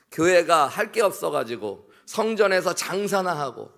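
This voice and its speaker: A middle-aged male pastor preaching a sermon, telling personal stories and rising in pitch when he retells lively scenes. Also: creaky. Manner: storytelling, voice rising in animated retellings. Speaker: senior pastor. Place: church sanctuary.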